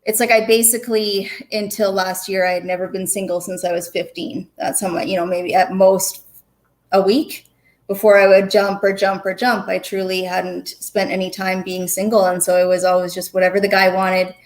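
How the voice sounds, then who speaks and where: A woman's voice: mid-range voice, flat delivery, moderate pace. A woman in her forties, a podcast guest speaking candidly and personally, often restarting her sentences. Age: 40s. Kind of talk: casual conversation.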